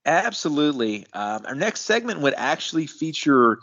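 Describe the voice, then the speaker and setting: A man co-hosting a casual show and giving a measured, analytical recap with frequent fillers. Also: on the high side, very animated, fairly bright tone, muffled recording. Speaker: co-host of a wrestling news show.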